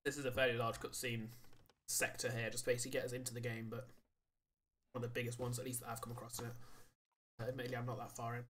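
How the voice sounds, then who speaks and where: A man's voice: mid-range voice, completely flat delivery, fast, pauses often, fairly bright tone, slight background noise. A man streaming a video game with casual, joking commentary and wry, mock-innocent asides.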